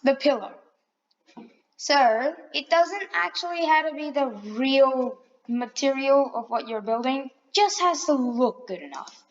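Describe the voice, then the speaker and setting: A woman casually talking through a modeling tutorial, relaxed and chatty, correcting herself as she goes. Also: high-pitched, a little slow, dull audio. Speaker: tutorial maker. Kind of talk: casual screen-recorded tutorial.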